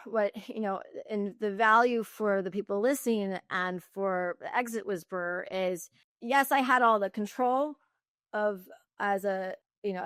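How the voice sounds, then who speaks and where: A woman who founded a company, talking candidly in an interview, fast and animated, with many restarts and "like.". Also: mid-range voice, clear, resonant tone, no room sound, studio quality. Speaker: founder and guest.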